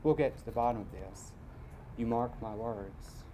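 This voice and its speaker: A man's voice: mid-range voice, animated, measured pace, darkish tone, a little hiss or hum, close to an everyday voice. A man voicing a stern, tight-lipped Southern mother, middle-aged, clipped and cold. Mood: stern, suspicious.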